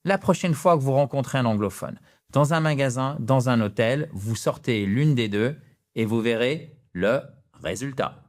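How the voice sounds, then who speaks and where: A man with a French accent, an English teacher giving a direct-to-camera lesson in a lively, chatty way with self-mocking asides. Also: mid-range voice, moderate pace.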